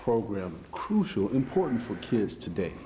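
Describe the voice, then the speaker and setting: A man interviewing a guest, asking short questions and giving quiet affirmations. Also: lowish voice, very animated, normal speed, a little hiss or hum. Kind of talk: casual interview.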